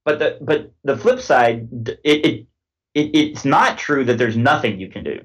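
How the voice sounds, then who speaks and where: A man being interviewed as a guest, explaining things in a measured way with many pauses. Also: medium pitch, fairly bright tone. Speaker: guest, head of a nonprofit security alliance. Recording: distant mic sound.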